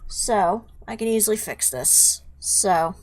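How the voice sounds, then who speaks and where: A woman's voice: mid-range voice, animated, slow, a little mellow. A woman giving casual let's play commentary, with wry, playful banter at the game's characters. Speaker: video game player commentating.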